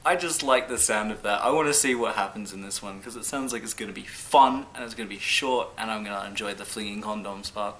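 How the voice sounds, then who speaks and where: Bright-voiced playful man chatting. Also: lowish voice, fast talker, hardly any pauses, a little hiss or hum, poor audio. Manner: playful, laughs often, stumbles over long titles. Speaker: co-host of an anime discussion channel. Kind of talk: casual chat.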